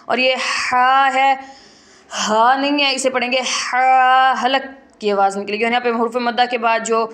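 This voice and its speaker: A woman's voice: fairly high pitch, steady tone, a bit bright. Patient woman teaching Quran recitation. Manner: patient, repeats points, demonstrates letter sounds slowly and clearly. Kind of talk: tajweed lesson.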